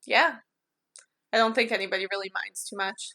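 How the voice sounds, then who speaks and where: A woman's voice: mid-range voice, fairly even intonation, moderate pace, vocal fry, bright, forceful tone. A woman co-hosting a podcast in casual chat, agreeably chiming in. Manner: agreeable, chiming in with short replies. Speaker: podcast co-host.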